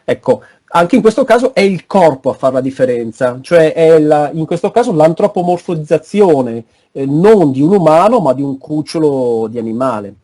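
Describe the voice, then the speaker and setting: Mellow-voiced man lecturing haltingly. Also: on the high side, animated. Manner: halting, frequent searching for words. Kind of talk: online academic lecture. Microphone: video call.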